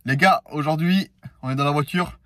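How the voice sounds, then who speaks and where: A young man, hosting a casual vlog with loud, slangy chat. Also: a little high, moderate pace, dry recording, clean studio sound. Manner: slangy, loud and hyped, talking to camera. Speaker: vlogger. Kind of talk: casual chat while eating. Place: in a car, then at a table eating.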